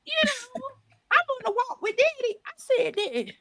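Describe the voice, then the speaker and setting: A woman co-hosting a podcast, telling a story in a casual chat with emphatic, animated delivery. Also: extremely high pitch, normal speed. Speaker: podcast co-host.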